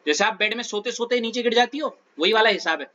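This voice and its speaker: A man's voice: high-pitched, expressive, fast talker, bright, forceful tone, highs cut off. A male chemistry teacher giving a classroom lecture in a coaxing way, often checking that the student follows.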